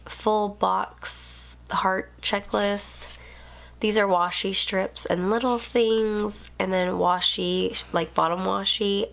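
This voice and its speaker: A young mom who makes planner videos on YouTube chats casually at home, filming her desk from overhead so only her hands show. She sounds sniffly and unwell, rambling with lots of ums through a plan-with-me session. Her voice is medium-pitched, gravelly, and fairly bright.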